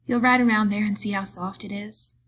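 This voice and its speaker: A woman's voice: mid-range voice, steady tone, fairly quick, fairly bright tone, voice pushed up, lightly acted. Woman acting a vain, chatty young farm wife. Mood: complacent. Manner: complacent, casual folksy talk. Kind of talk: acted audiobook dialogue.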